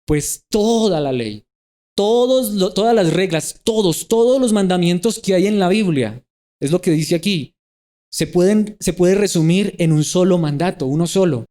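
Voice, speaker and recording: A man's voice: high voice, animated, normal speed, dark tone. A middle-aged man preaching a sermon in a church. He asks his listeners question after question and acts out the voices of people he quotes.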